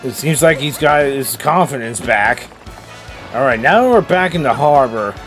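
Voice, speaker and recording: A man giving casual gameplay commentary in a halting, hesitant way. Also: mid-range voice, animated, fairly bright tone, soft background music. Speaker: video game playthrough host.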